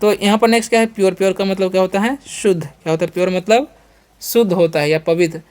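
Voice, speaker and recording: A man with an Indian accent teaching English vocabulary in a lesson, repeating each question and answer and reading example sentences slowly and deliberately. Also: high-pitched, steady tone, a little mellow.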